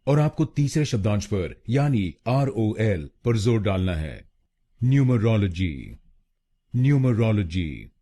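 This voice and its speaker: A man's voice: lowish voice, animated, a little slow, warm tone. A man from India narrating a scripted pronunciation tutorial, breaking words into syllables and repeating each one. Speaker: pronunciation teacher.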